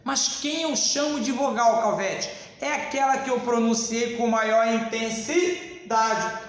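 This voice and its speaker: A man's voice: very high voice, steady tone, slow pace. A man teaching a grammar lesson to a class, speaking emphatically and addressing the students formally. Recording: echoey hall with long reverb.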